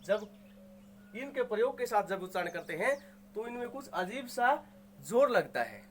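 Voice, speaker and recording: A man's voice: high-pitched, very animated, moderate pace, a little hiss or hum. A man teaching Hindi grammar, sounding out each word and repeating it patiently, asking and answering his own questions. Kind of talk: explaining Hindi grammar to students.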